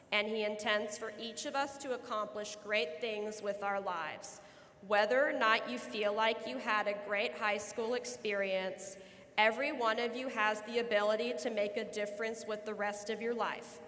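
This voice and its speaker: A woman's voice: medium pitch, a bit bright. A young woman in her late teens giving an earnest, prepared podium speech as a student at graduation. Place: large indoor room at a graduation ceremony. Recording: long hall reverb.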